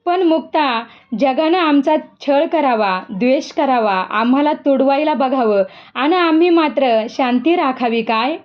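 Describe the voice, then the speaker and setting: A woman voicing a hurt, withdrawn young male saint speaking in measured, aggrieved tones, in a dull lo-fi recording. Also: sits high.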